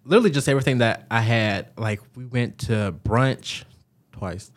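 Speaking at a normal speed in a mid-range voice, this young Southern co-host from Georgia tells stories in easygoing podcast chat. He fills his talk with lots of "like" and "um."

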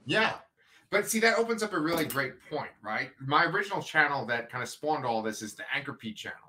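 A man's voice: on the high side, lively intonation, a little fast, bright, forceful tone, slight background noise. A man hosting a casual review podcast, talking in an upbeat, rambling, emphatic way. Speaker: podcast host.

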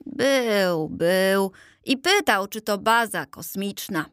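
A woman voicing a second old gentleman statue, wry and plain-spoken. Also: mid-range voice, expressive, slow, clear, resonant tone, no echo, studio quality.

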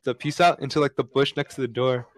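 Brief: young male podcast co-host, chatty storyteller, mid-pitched. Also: fast, poor audio. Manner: storytelling, animated with lots of fillers. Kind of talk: casual chat.

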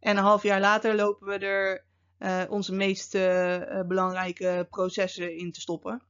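A woman's voice: mid-range voice, completely flat delivery, a little slow, a bit bright, smooth, lo-fi sound. A woman hosting a podcast, explaining security topics in a casual, conversational way with frequent fillers and wry asides. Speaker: podcast host and security officer.

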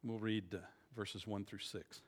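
Emphatic preacher swinging from hushed to loud. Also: male voice, fairly low pitch, steady tone, a little slow. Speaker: pastor. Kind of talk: sermon.

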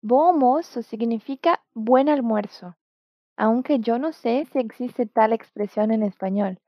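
A woman with a fairly high voice teaches Portuguese, her first language, in a slow and patient manner, voicing words deliberately so the learner can repeat them. The lo-fi audio is dry and dull, with no room sound.

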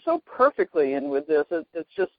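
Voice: medium pitch, big pitch swings, a little fast, no echo. Interview host, effusive reactions, eager questions, dry close sound, dull lo-fi audio. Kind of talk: casual interview chat.

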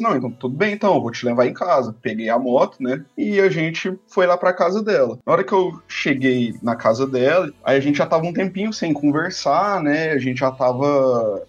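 A young Brazilian man on a podcast panel, telling a long anecdote in a casual, animated way and acting out the quotes. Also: mid-range voice, husky, highs cut off. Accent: Brazilian Portuguese. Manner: animated anecdote, quoting others. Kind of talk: casual storytelling.

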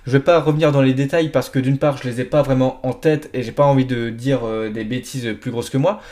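A man's voice: mid-range voice, fairly even intonation, fairly quick, a little mellow. A young man hosting a solo podcast, talking casually to the listener with many fillers and restarts. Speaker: podcast host.

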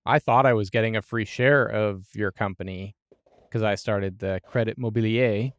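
A man in a casual board game discussion, wry and hedging, his sentences often trailing off softly. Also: on the low side, normal speed, no room sound, studio quality.

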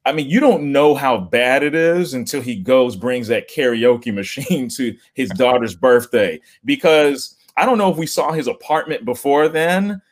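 A man co-hosts a casual movie review podcast in an easygoing, joking manner. His voice sits in an ordinary middle pitch, and he stretches his phrases out as he describes a scene. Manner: relaxed, joking, drawn-out phrasing. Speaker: podcast co-host.

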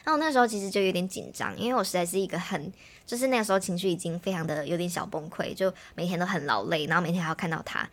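A young woman, telling a personal story in animated, casual chat as a podcast host. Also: on the low side. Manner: fast, animated storytelling, mimics others' voices.

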